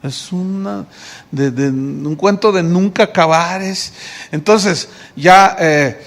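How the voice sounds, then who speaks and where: A man's voice: high voice, slow, gravelly. A male pastor with a Mexican Spanish accent, preaching a sermon and telling a story in which he acts out the dialogue. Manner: lively storytelling, acting out dialogue. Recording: long reverb of a church hall.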